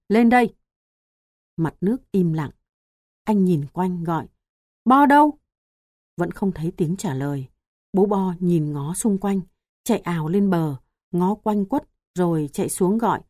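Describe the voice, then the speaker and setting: A woman narrating a storybook in a calm, measured reading. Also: fairly low pitch, dry recording, clean studio sound. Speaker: audiobook narrator.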